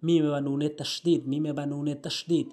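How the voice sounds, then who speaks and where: A man teaching Quran pronunciation, spelling out each letter and vowel, then chanting the verse slowly with long drawn-out notes. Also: a little high, little pitch movement, dark tone.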